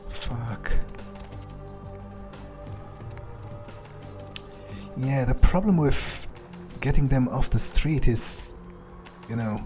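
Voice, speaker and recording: In a lightly acted, mid-range voice, a man roleplays a video game vampire, cynical, foul-mouthed and prowling a city for prey. He mutters his thoughts aloud in a casual, sweary, hesitant monologue, sounding frustrated and sardonic, as game music plays behind him.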